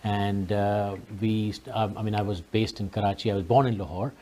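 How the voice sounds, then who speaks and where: Appearing as a guest on a talk show, a middle-aged man with a Pakistani accent shares his story in a courteous, conversational way. His fairly low, noticeably mellow voice holds a steady tone at a moderate pace, with a little hiss or hum in the recording.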